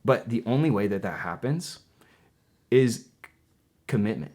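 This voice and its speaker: A young man talks casually with a slightly low voice, packing his speech with fillers and restarts. He tells stories animatedly, playing out what people said. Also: a little slow. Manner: animated storyteller, acts out quotes loudly; filler-heavy, many restarts. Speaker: podcast guest. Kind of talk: casual conversation.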